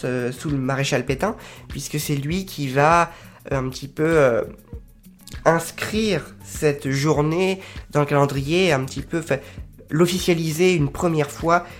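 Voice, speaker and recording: A shop presenter giving an informal explanatory talk, hesitant, with frequent fillers and restarts. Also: medium pitch.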